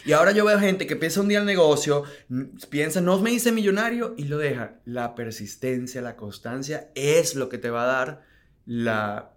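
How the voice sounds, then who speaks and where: A man's voice: medium pitch, moderate pace. A man telling his business story in a casual interview, acting out quotes and laughing often. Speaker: guest entrepreneur.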